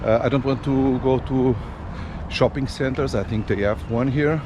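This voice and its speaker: A man's voice: medium pitch, steady tone. Man vlogging on city streets. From Portugal. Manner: unhurried, many fillers and restarts. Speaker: travel vlogger. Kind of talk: casual walking tour vlog. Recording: street noise in background.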